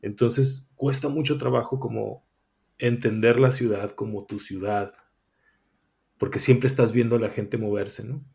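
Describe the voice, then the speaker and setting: A man's voice: mid-range voice, steady tone, measured pace, creaky, a little mellow. A man from Tijuana, a writer and visual artist answering interview questions thoughtfully, often restarting phrases and adding tag questions. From Tijuana, Mexico.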